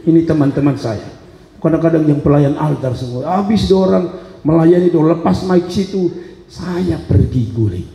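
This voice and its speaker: A man's voice: mid-range voice, vocal fry, warm tone, slight background noise. A middle-aged man with a Kupang-tinged accent, preaching a sermon as a pastor and telling personal stories in a chatty way with humorous asides. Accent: Kupang Malay-tinged Indonesian. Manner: conversational storytelling with humorous asides. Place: church hall. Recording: echoey church hall with long reverb.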